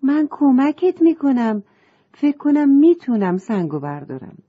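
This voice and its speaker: A woman's voice: fairly low pitch, breathy edge, narrow, tinny audio. A woman voicing a kind, eager young hero in a children's storybook.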